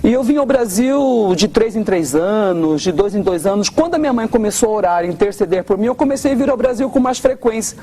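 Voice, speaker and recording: A man's voice: sits high, brisk, few pauses, slight background noise. A man with a Brazilian Portuguese accent giving an earnest testimony in an interview, acting out the voices of the people he quotes. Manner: earnest, expressive, quotes others in changing tones. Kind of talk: emotional testimony.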